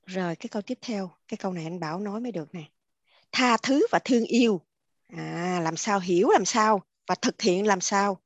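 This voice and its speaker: A woman's voice: medium pitch, a little fast, no room sound. A woman leading a spiritual discussion and explaining it through everyday examples. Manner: explains with homely examples, laughs easily. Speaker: discussion host.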